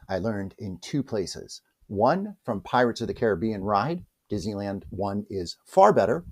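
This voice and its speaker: A man hosting a spiritual reflection vlog, talking in a chatty, animated way with asides. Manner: animated, chatty, with wide pitch swings and asides. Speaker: host of a spiritual reflection channel.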